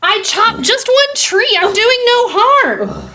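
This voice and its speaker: Puppet-show recluse, boastful and theatrical, acted by a woman: very animated, unhurried rhyming storyteller. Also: extremely high pitch, full character voice. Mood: boastful, persuasive. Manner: theatrical, drawn-out, exclamatory. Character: Onceler, old reclusive tree-chopper reminiscing, boastful, dramatic.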